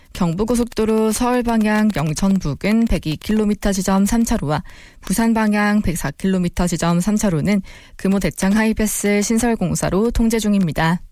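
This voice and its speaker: A woman's voice: medium pitch, darkish tone, no echo. A woman reading a scripted traffic bulletin as a radio reporter. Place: dry broadcast studio.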